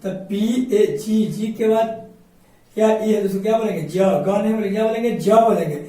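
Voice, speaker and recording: A man's voice: high voice, fairly even intonation, moderate pace, warm tone. A male coaching teacher with a Bihari Hindi accent, explaining English pronunciation in a classroom lesson. He asks himself questions and answers them, repeating each point. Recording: echoey room, distant mic.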